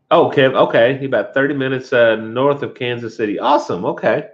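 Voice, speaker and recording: A man's voice: mid-range voice, highs cut off. A middle-aged man from Kentucky with a Kentucky accent, hosting a casual live stream and rambling easily through viewer comments. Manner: rambling, chuckling, answers chat comments.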